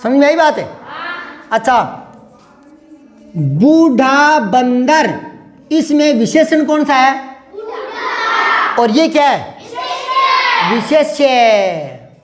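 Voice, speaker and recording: A man's voice: very high voice, sing-song, extremely slow, pauses often, noisy background. A male teacher giving a grammar lesson to a class. He patiently drills words again and again, calls the pupils "beta" and keeps asking them questions.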